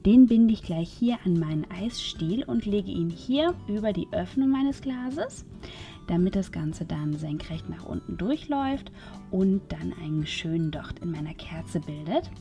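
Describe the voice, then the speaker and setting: Calm woman explaining a craft. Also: on the low side, measured pace, gravelly, soft background music. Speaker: DIY channel host. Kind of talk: crafting tutorial narration.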